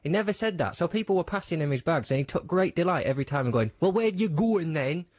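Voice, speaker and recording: A man co-hosting a radio show, complaining in a deadpan, grumpy way. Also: fairly high pitch, very fast, no echo. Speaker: radio co-host. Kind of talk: casual radio banter.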